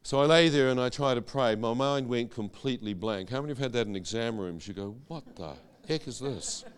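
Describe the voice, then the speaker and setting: A man's voice: mid-range voice, fast talker. A man preaching a sermon testimony, telling his story and quizzing the audience with questions.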